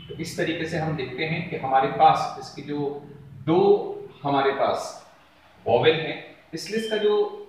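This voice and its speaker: A male teacher explains a lesson, stretching out each word slowly as he drills its sounds. His voice sits a little high for a man. It rings around a very echoey room. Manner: slow, drawn-out word pronunciation drills. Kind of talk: classroom-style lesson explanation.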